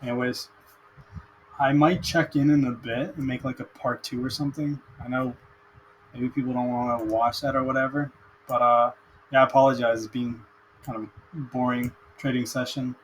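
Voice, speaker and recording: A man's voice: mid-range voice, little pitch movement, moderate pace, poor audio. Young male vlogger, casual and worn out, hesitant delivery, webcam audio with a faint hum. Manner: hesitant, many fillers and restarts. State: mentally tired. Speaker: aspiring day trader vlogger. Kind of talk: casual screen-share commentary.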